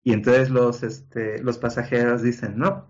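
A man's voice: mid-range voice, normal speed, lo-fi sound. Mexican man telling a funny anecdote. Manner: animated storyteller, acts out quotes, many fillers like "¿no?" and "este".

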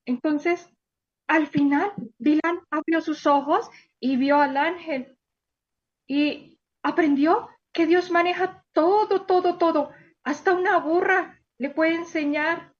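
A woman teacher telling a story to children, animated and exclamatory, asking them questions as she goes. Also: sits high, lo-fi sound.

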